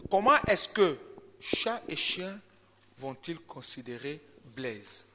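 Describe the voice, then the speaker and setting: High-voiced preacher in a church hall. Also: male voice, very animated, slow, crowd noise. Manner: emphatic, repetitive, caricaturing with animal stories. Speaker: pastor. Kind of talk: sermon.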